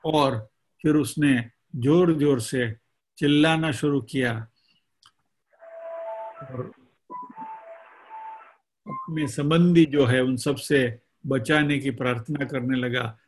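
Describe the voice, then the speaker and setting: A man giving a spiritual discourse, retelling a scripture story slowly and deliberately, with pauses between phrases. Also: medium pitch, a little hiss or hum. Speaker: spiritual teacher.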